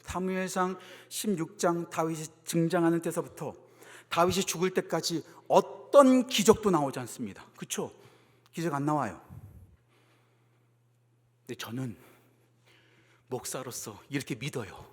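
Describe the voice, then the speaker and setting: A male pastor preaching at a Friday prayer meeting. He shifts from soft, low talk to loud, impassioned exhortation. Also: expressive, a little slow, long pauses. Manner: acts out mocking voices in storytelling. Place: church sanctuary. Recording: reverberant church hall.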